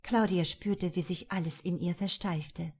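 A woman narrating a novel in an expressive, lively reading voice. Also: fairly low pitch, measured pace, breathy edge. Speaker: audiobook narrator.

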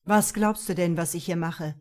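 A woman voicing an angry middle-aged father who speaks loudly and menacingly in an audiobook. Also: lowish voice, normal speed, lightly acted. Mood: stern angry. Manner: loud, stern, menacing.

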